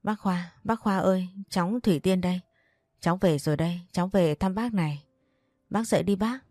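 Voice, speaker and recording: Grieving young woman, pleading and sobbing, read by a woman, warm and low, dry close recording. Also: a little fast, dry recording, lightly acted.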